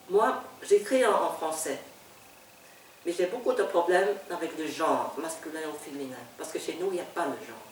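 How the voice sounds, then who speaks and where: Older Vietnamese-accented novelist, lowish voice, halting delivery; roomy, off-mic. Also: female voice, distant mic, a little hiss or hum. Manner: halting, repeats words, laughs often. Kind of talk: reminiscing in an interview. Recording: echoey room, speaker off-mic.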